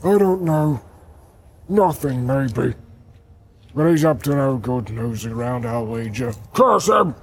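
A man voicing a big, hot-tempered male orc soldier who blusters and barks threats in a gravelly voice. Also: medium pitch, lively intonation, slight background noise. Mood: gruff, bragging. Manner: blustering, quick to shout threats.

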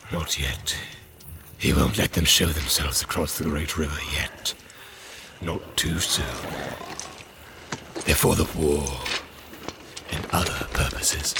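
A man's voice: very deep voice, level tone, slow, gravelly, long pauses, voice pushed down, full character voice. A man voicing a sly, menacing male orc who speaks in a hissing, half-whispered way. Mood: sinister.

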